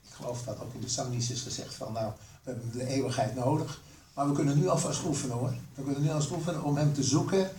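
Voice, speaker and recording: An older man giving an earnest sermon, asking the listeners questions and pausing with fillers. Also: mid-range voice, dark tone, slight background noise. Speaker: preacher. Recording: roomy hall, voice from a distance.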